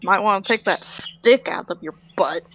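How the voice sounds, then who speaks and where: A woman's voice: mid-range voice, normal speed, fairly bright tone, slight background noise. A woman playing a tabletop role-playing game, talking in a blunt, teasing way. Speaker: player. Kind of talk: tabletop role-play banter. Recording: dull lo-fi audio.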